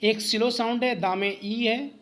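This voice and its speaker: A man's voice: very high voice, fairly even intonation, measured pace, fairly bright tone. Man teaching, asks and answers himself. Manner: explains step by step, asks and answers own questions. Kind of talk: exam-prep lecture.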